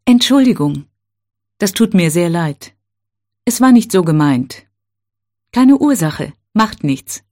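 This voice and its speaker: A woman teaching a language, reading set phrases one at a time in a slow, careful, clearly spaced way. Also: lowish voice, sing-song, dark tone.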